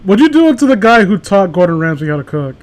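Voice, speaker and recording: A man with a high, sing-song voice talks fast as he banters casually with friends and reads stories aloud as an amateur, stumbling over words while reading.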